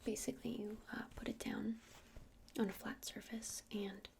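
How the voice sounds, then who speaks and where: In this ASMR roleplay, a woman plays a friendly witch who runs a shop selling crystals and incense, explaining things in a soft, breathy unvoiced whisper with creaky edges. Her gentle, hesitant rambling sits at a medium pitch with flat delivery and normal speed, over a noisy background.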